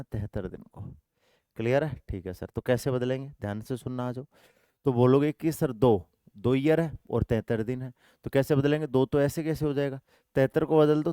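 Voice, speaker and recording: Male math teacher, call-and-response style, repetitive, smooth clear voice, dry close sound. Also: medium pitch, warm tone, no echo. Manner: repetitive call-and-response, puts answers in students' mouths; affectionate coaxing, calls students 'my dear brother'. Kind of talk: online exam-prep math lesson.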